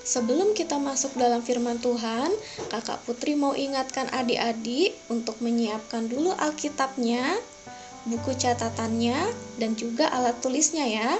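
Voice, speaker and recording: A high-pitched woman speaks to young children as their Sunday school teacher. Her delivery is simple, sing-song and coaxing, the way one talks to little kids. Faint music plays behind her. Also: moderate pace. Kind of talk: children's Bible lesson, addressing young kids directly.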